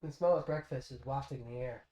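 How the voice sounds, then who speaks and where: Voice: medium pitch, a little fast, dark tone. A player in casual chat at a tabletop game, playful and given to theatrical outbursts. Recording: echoey room.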